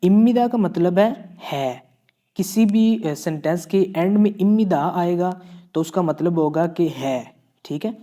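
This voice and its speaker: Slow, patient Pakistani male language teacher. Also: high-pitched, warm tone. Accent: Pakistani Urdu. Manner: patient, repeats each word several times, checks in with "okay". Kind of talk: classroom-style vocabulary lesson.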